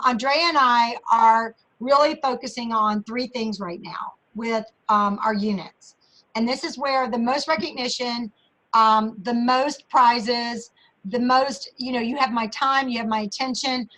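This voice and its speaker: A woman leading her sales team in a motivational talk on a video call, chatty and energetic, repeating phrases for emphasis. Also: fairly high pitch, low-quality recording.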